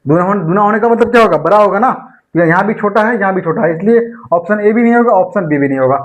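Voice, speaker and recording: A high-pitched maths teacher, heard with phone-quality sound, takes his students through exam problems in an online lecture. Each step is worked out loud, numbers are repeated slowly, and rhetorical questions to the class come up again and again.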